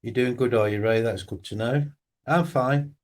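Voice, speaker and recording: A man's voice: medium pitch, moderate pace. A man hosting a casual evening live stream, greeting viewers by name in a friendly way.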